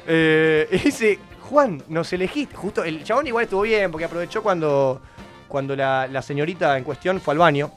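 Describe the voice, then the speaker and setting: A young man with an Argentine Rioplatense accent, chatting casually as a podcast host and telling an animated story full of acted-out quotes. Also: a little high, fairly quick, faint music behind. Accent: Argentine Rioplatense Spanish. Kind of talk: casual chat.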